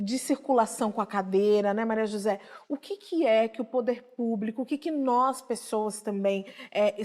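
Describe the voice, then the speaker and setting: A woman hosting a TV talk show, asking engaged questions and introducing stories. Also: medium pitch. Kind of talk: TV studio conversation.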